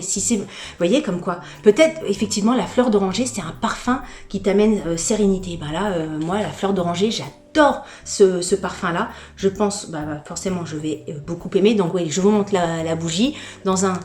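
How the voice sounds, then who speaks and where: A woman's voice: mid-range voice, roomy sound. A woman vlogger chatting through an unboxing, candid and gushing, often stumbling over repeated words. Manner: gushing excitement. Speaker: lifestyle vlogger. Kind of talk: casual unboxing chat.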